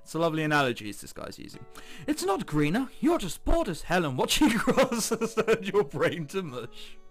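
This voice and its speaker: A let's player, high-voiced with pitch that swoops wildly, keeps a normal pace while game music plays underneath. His casual commentary mixes on-screen text read aloud with sarcastic asides.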